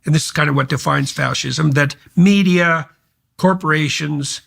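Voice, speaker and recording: A man's voice: fairly high pitch, normal speed, gravelly, a bit bright. A middle-aged man hosting a podcast, talking in emphatic, sweeping, sardonic commentary. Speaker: host. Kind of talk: podcast conversation.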